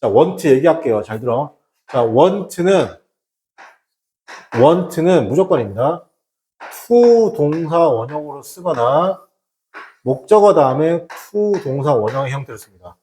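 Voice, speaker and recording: Taking his time, a man with a fairly high, lively voice gives a recorded English grammar lecture in an echoey room. He poses rhetorical questions and supplies the answers, alternates casual and polite language, and acts out shouted warnings to illustrate ideas.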